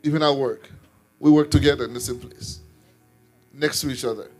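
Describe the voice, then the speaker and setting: A man's voice: medium pitch, fairly even intonation, normal speed, a little mellow, soft background music. A man who serves as an apostle, sharing a personal testimony in a ministry talk, earnest and repeating his words as he tells the story.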